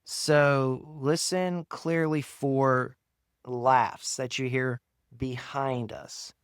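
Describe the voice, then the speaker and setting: A man co-hosts a paranormal podcast in easy, casual chat, drawling at an unhurried pace. His voice is clear and smooth, and his talk wanders with fillers and restarts. The sound is dry and close. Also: medium pitch, flat delivery, dry recording. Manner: loose, hesitant, many fillers. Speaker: podcast co-host, paranormal investigator.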